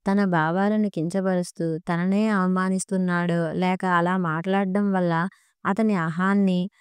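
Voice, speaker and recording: A woman narrating a story in a steady, expressive reading style. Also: on the low side, a little slow, smooth, no room sound.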